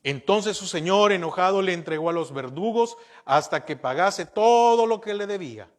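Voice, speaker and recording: A pastor preaching a sermon, reading scripture slowly and deliberately, repeating verses and punctuating them with amen. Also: male voice, high-pitched, lively intonation.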